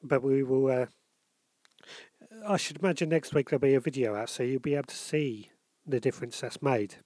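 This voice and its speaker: This time the cold-stricken podcast host talks fairly quickly in a medium-pitched, somewhat dark voice, rambling, umming and fixing his own words as he goes solo. No room sound is audible.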